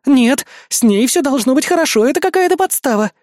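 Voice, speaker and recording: A man voicing an excitable, indignant young woman in a high, shrill voice for a storybook reading. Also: normal speed, no echo, studio quality. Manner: shrill, emotional.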